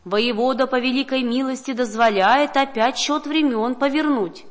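A woman's voice: high voice, moderate pace, lightly acted. A woman reading aloud and voicing a scheming old official who makes proclamations to a crowd. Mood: proclaiming.

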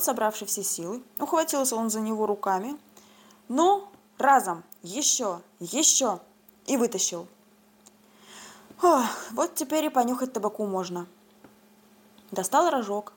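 A woman reading a literary tale aloud with lively storytelling that shifts tone with the scenes. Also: on the high side, brisk, slightly rough.

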